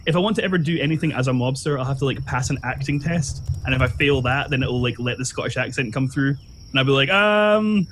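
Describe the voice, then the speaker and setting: A man's voice: mid-range voice, fairly even intonation, fast, background noise. A man playing a tabletop game, rambling as he thinks aloud about his plans. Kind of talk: casual chat among players.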